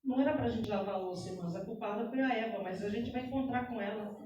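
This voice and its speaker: A woman's voice: mid-range voice, fast, dark tone, lo-fi sound, slight background noise. A middle-aged woman giving an earnest, exhorting church talk to married couples. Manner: earnest and exhorting, addresses listeners as brothers. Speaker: speaker at a couples' meeting. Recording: echoey hall, voice from far off.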